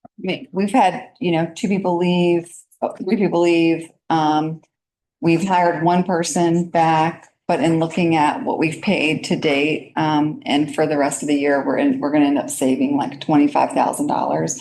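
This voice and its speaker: A woman's voice: low voice, flat delivery, a little slow, darkish tone, a little hiss or hum. A woman serving as town manager, reporting to a council meeting with frequent hesitations and fillers.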